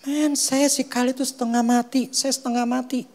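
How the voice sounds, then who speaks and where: A middle-aged man with an Indonesian accent, a pastor preaching a sermon, telling stories with loud and hushed stretches. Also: very high voice, a little fast. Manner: animated storytelling, swings from loud to hushed.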